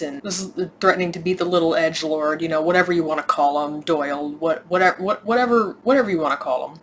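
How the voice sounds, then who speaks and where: A woman's voice: on the low side, slight background noise. Sarcastic woman ranting about a movie. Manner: sarcastic, exasperated, rambling with restarts. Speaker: movie reviewer.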